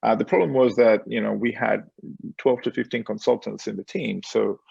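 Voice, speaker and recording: Gravelly-voiced man in his forties. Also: lowish voice, normal speed, no room sound, lo-fi sound. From Spain. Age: 40s. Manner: relaxed storytelling with many fillers and small laughs. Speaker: guest, company founder. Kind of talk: casual interview on a call. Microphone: video call.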